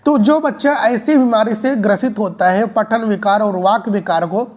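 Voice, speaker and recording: This exam-prep teacher has a slightly mellow voice on the high side. In an explanatory video lecture, she drills key points through repetition and keeps calling her viewers "friends."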